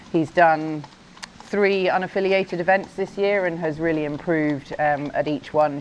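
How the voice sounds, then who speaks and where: A middle-aged woman who grew up in Scotland, an event horse rider speaking in a filmed interview, relaxed and thoughtful, with many pauses and fillers. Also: deep voice, slight background noise. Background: faint music.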